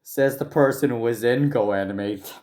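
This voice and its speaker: A man ranting in commentary, angry and profane, halting with frequent restarts. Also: medium pitch, darkish tone, reverberant. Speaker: commentary youtuber.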